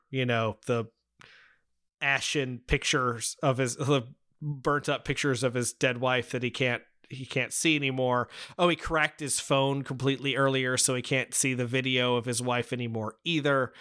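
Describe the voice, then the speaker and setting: A man in a casual film review chat, walking through scenes with eager recaps. His voice has a bright, forward edge. He leans on fillers and often restarts a sentence partway through. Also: medium pitch, smooth. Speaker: podcast co-host discussing a film.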